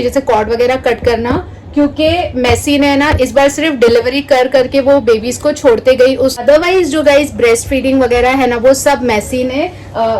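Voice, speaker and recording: Woman, thirties, high voice, chatty vlog talk, mixes English into Hindi, faint background noise. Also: a little mellow. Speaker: vlogger. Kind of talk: casual vlog chat to viewers.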